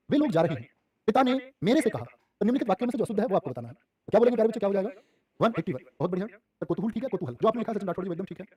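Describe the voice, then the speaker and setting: A male coaching teacher runs a live online class at a rapid clip, firing one question after another at his students. His voice is high and mellow. He sounds set back from the mic. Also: distant mic. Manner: rapid, repetitive questioning, calls students "dear children".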